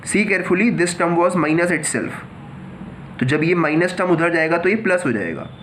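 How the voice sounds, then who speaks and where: A man's voice: a little high, expressive, measured pace, a bit bright, slight background noise. A man teaching a math lesson, explaining step by step and mixing Hindi with English, often asking a question and then answering it himself. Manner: addresses students as children, asks and answers his own questions.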